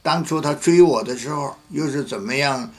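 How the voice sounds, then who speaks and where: A male pastor preaches in a gravelly, creaky voice at an everyday middle pitch. He tells his story vividly and slips into the voices of the people he quotes. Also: normal speed, soft background music. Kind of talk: sermon with storytelling.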